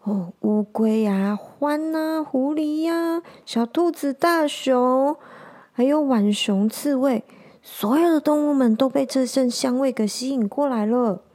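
A woman reading a children's picture book aloud, gently stopping to explain words. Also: high-pitched, a little slow. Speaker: storyteller.

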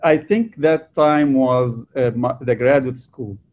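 A young man from Egypt answering interview questions about his vaccine research, halting often with fillers and restarts. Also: medium pitch, darkish tone, lo-fi sound, slight background noise. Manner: hesitant, many fillers and restarts.

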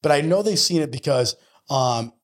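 A man in his early forties, a mortgage lender and business owner, appears as a podcast guest, talking conversationally in an earnest, motivational way and often checking in with "right?". His voice is fairly high-pitched and animated, at a moderate pace.

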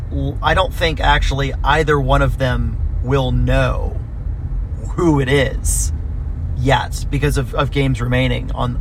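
An easygoing man co-hosting a soccer recap, stammering on repeated words, heard on low-quality audio recorded while driving in a car. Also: gravelly, slight background noise. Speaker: podcast co-host. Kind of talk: casual soccer recap chat. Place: moving car.

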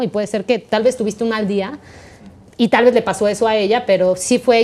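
A young adult Mexican woman, a podcast guest, telling a story in a chatty, animated way. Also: on the high side. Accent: Mexican Spanish. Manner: chatty, animated, acts out quoted voices.

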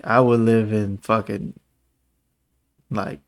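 A man's voice: fairly low pitch, little pitch movement, slow pace. A tired man co-hosting a casual podcast, profane, slangy and teasing, his speech slightly slurred by a grill in his teeth. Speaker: podcast co-host.

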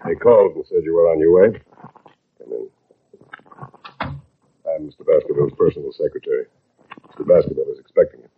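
Giant polite butler-type secretary, super deep voice, tinny old radio w a faint hiss. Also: male voice, brisk, pauses often. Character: huge deferential male personal secretary. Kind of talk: 1950s radio drama acting.

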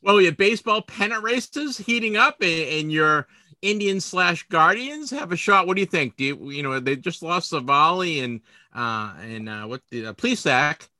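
A man's voice: on the high side, animated, normal speed, bright, forceful tone, no echo. A man hosting a sports collectibles podcast, chatting casually, rambling and poking fun at himself as he trips over his words. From Boston area, US. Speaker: podcast host.

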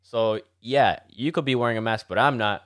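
A man's voice: medium pitch, normal speed, fairly bright tone. A man with a Miami Cuban accent co-hosting a casual chat, joking and switching between English and Spanish. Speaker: podcast co-host.

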